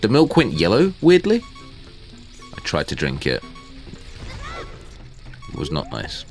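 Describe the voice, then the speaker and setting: Low-voiced man telling rambling stories. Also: huge pitch swings, measured pace, faint music behind. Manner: rambling anecdotes with quoted voices and swearing. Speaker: podcast co-host. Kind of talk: casual chat, storytelling.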